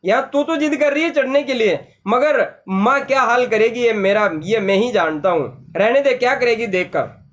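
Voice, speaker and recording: A man's voice: extremely high pitch, lively intonation, moderate pace, a bit bright. A man voicing an older boy who bosses and scolds his little sister. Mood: scolding. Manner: scolding, bossy.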